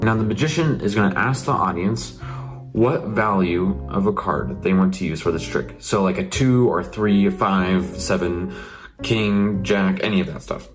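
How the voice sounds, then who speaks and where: A man with a low-pitched voice walks through instructions step by step. He sounds informal and a little repetitive, like a casual tutorial presenter. Guitar music plays clearly behind him.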